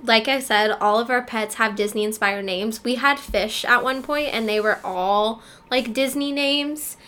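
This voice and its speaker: A woman's voice: fairly high pitch, unhurried, fairly bright tone. A young woman chatting casually as co-host, talkative and laughing often. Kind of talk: casual chat.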